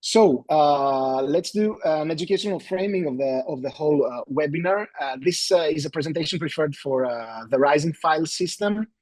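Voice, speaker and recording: A man's voice: a little high, normal speed, hardly any pauses, a little mellow, no echo. A man, presenting a live webinar as an endodontist, hesitant and full of fillers and restarts. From Greece.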